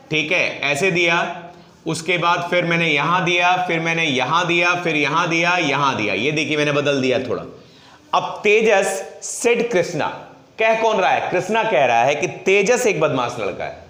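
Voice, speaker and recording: Bright, high-voiced male teacher in an echoey room. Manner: explains step by step, asks and answers his own questions; drawn-out dictation of example phrases. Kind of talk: whiteboard grammar lesson.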